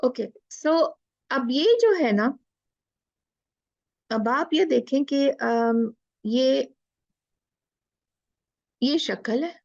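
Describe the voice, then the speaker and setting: A woman teaching Quran recitation in a live online class, slow and patient, stretching out letter sounds and mixing in English phrases. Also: high-pitched, expressive, creaky, darkish tone, dry recording, highs cut off. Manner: mixes Hindi-Urdu with English phrases.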